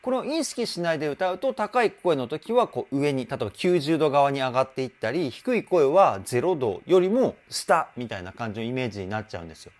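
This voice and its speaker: A male vocal coach analyzing a singer's cover, chatty and excitable, who apologizes for getting carried away and breaks into short sung demonstrations. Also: mid-range voice, brisk, few pauses. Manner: excitable, chatty and self-deprecating. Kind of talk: song reaction and vocal analysis.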